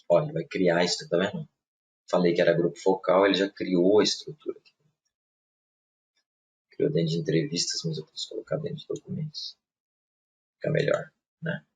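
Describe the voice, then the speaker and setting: A man, casually walking viewers through software in a live webinar, speaking softly and often checking in with his audience. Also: low voice, creaky. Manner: casual, talks through clicks, many tag questions. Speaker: software trainer. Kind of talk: live webinar screen-share demo.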